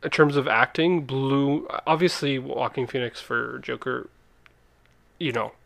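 A man's voice: mid-range voice, fairly even intonation, measured pace, creaky, a bit bright, no room sound. Canadian man in casual film chat. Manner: rambling, restarts sentences, laughs often. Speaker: podcast co-host.

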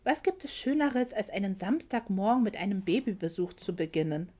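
A woman's voice: mid-range voice, lively intonation, fairly quick, dark tone, close to an everyday voice. A woman voicing a caring, cheerful young female friend in a storybook reading, upbeat and reassuring.

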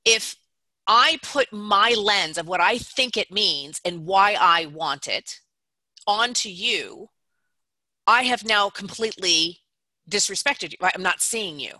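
Woman founder guest, bright and dry-voiced, emphatic and explanatory. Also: mid-range voice, takes it slowly, no echo. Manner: emphatic, explains ideas step by step with rhetorical "right?". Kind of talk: interview guest speaking.

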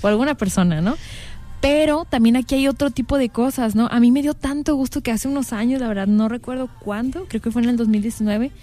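A woman's voice: a little high, fairly quick, warm tone. A young woman with a Mexican accent, co-hosting a casual panel chat and thinking aloud with frequent fillers. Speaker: podcast co-host.

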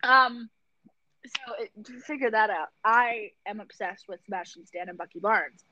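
A woman's voice: a little high, normal speed, pushed and bright, no echo, lo-fi sound. A woman co-hosting a podcast in casual chat, teasing and sweary, laughing often. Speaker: podcast co-host.

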